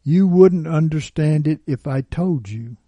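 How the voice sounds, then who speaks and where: A man reading aloud the lines of a scornful, arrogant woman who calls herself a witch, in a slow, husky voice with a dark tone. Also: mid-range voice, expressive, dry recording. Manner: contemptuous, arrogant. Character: scornful bitter woman, a self-declared witch. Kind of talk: read-aloud testimony.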